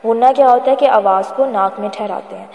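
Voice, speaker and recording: A woman teaching an online tajweed lesson, explaining pronunciation and chanting verses slowly. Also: fairly high pitch, echoey room, in a large hall, highs cut off. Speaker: Quran recitation teacher.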